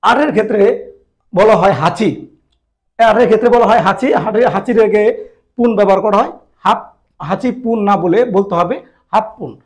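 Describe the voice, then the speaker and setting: A man with a notably high speaking voice walks through a grammar lesson step by step. He repeats each example slowly, pauses between phrases and keeps sending his viewers back to the textbook. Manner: addresses viewers directly, pointing them to the book. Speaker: Japanese language teacher.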